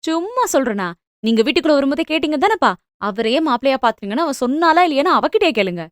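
A woman voicing a spiteful young woman who mocks her younger sister in fast, scornful speech. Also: sits high, big pitch swings, dry recording, clean studio sound. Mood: taunting. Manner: mocking, quick, scornful.

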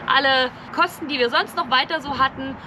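A young woman with a high voice chats casually to a camera a few metres off, ticking through figures one at a time. She is outdoors on a street, and clear traffic and city ambience sits under her voice. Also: a little fast, highs cut off. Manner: chatty, lists figures step by step. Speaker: vlogger. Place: outdoors on a street, seated in an open van boot. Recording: outdoor street noise behind.

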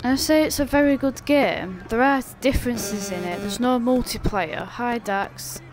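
A woman's voice: fairly high pitch, a little slow, over music. A tired woman streamer chatting casually and greeting viewers by name while she plays. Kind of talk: casual livestream chat.

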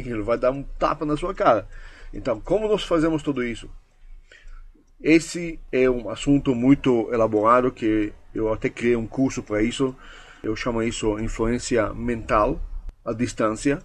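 A man teaching a course, speaking emphatically in a coaching manner and acting out short example dialogues. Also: mid-range voice. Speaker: language course instructor. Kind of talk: instructional talk.

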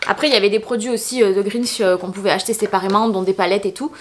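A woman's voice: medium pitch, steady tone, very fast, background noise. A young woman from France, chatting casually and enthusiastically as she unboxes beauty products for her vlog. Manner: chatty and enthusiastic, many fillers and little exclamations. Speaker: beauty vlogger.

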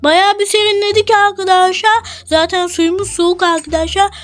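Very high-voiced girl narrating Minecraft play. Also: little pitch movement, moderate pace. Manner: chatty, keeps addressing viewers as friends. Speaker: Minecraft role-play vlogger. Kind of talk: playful gameplay narration.

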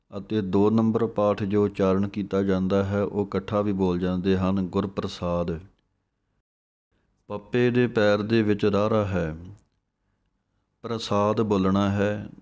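A man with a Punjabi accent and a lowish, slightly mellow voice gives a slow, careful recitation lesson, sounding out scripture syllable by syllable before explaining the words.

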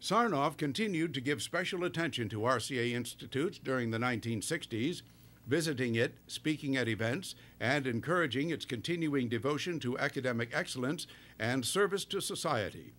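A man narrating a documentary in a measured, formal scripted read. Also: mid-range voice, animated, a bit bright. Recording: narration over clear music.

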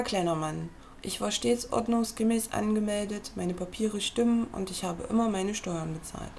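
A woman reading a book aloud at a computer, in a measured, earnest way, as if speaking straight to the listener. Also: mid-range voice, vocal fry, a little mellow, a little hiss or hum. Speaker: reader.

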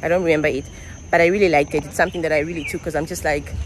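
Talking very fast in a low voice with fairly even intonation, a young travel vlogger from Namibia chats casually with her viewers, addressing them directly and using lots of fillers. There's a little hiss or hum.

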